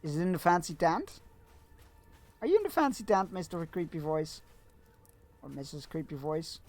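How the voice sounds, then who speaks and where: A man's voice: fairly high pitch, expressive, moderate pace, darkish tone, faint music behind. A man streaming a fantasy game, chatting sarcastically, swearing, laughing and reading quest text aloud. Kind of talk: casual live-stream commentary.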